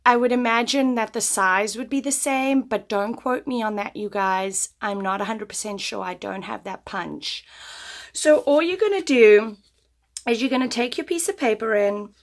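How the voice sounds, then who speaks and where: Chatting through a craft tutorial step by step, this American woman demonstrates a paper craft at her table even as her voice is going. She speaks at a moderate pace in a slightly high voice.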